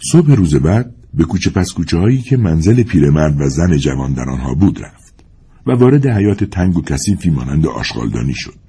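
Deep, husky male audiobook narrator. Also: very animated, dark tone. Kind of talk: scripted narration of a novel.

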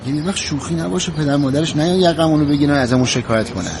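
An actor with an Iranian accent playing a cautious, fussy but good-hearted husband in a TV drama. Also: male voice, fairly high pitch, lightly acted. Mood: worried. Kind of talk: Persian television drama acting. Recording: noisy drama soundtrack.

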